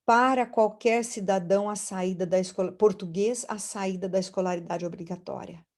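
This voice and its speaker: A woman's voice: mid-range voice, fairly even intonation, normal speed, darkish tone. A woman university lecturer giving an online lecture over a video call, explaining step by step and often rephrasing herself mid-sentence.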